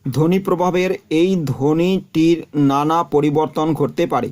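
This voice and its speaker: A male teacher gives a patient classroom lecture, working through his points one by one. His voice sits a little high for a man. He keeps turning to his students and telling them to look at what he is showing. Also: normal speed, darkish tone. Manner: explains step by step, repeating terms and examples.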